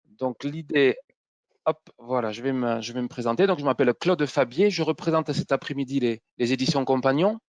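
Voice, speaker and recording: A man from Toulouse with a Toulouse accent, presenting software in a webinar with many fillers and restarts. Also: mid-range voice, brisk, dry recording. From Toulouse, south-west France. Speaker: consultant trainer presenting software.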